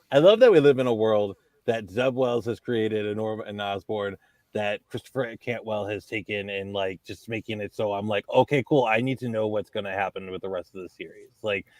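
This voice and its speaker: A man's voice: on the low side, dry recording. A man co-hosting a comics podcast, enthusiastic and casually profane. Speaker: podcast co-host. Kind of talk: casual chat about comics.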